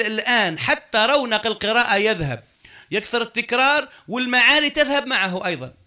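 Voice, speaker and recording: A man's voice: high voice, bright, forceful tone. A man teaching a class with an Algerian Arabic accent. He mixes dialect with classical Arabic and keeps asking his students questions as he explains. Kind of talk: classroom lecture.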